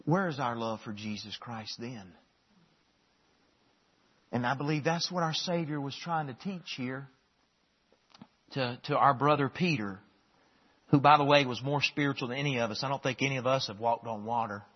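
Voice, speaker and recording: A man preaching a sermon, emphatic, moving between loud bursts and hushed lines and often repeating words as he restarts phrases. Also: mid-range voice, normal speed, long pauses, slightly rough. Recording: dull long-reverb hall sound.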